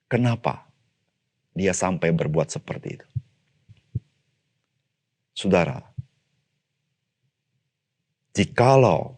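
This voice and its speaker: A man giving a devotional sermon as a pastor, speaking straight to his listeners, calling out some phrases loudly and dropping others low and quiet. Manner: addresses listeners as "Saudara"; swings between raised, emphatic calls and low, quiet asides.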